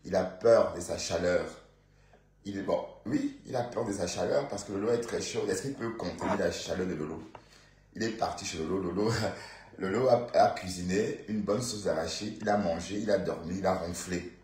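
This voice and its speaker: A man's voice: low-pitched, normal speed, darkish tone, reverberant. A man from Bandundu with a Congolese French accent, rambling through casual live-stream gossip, full of fillers and asides to his viewers.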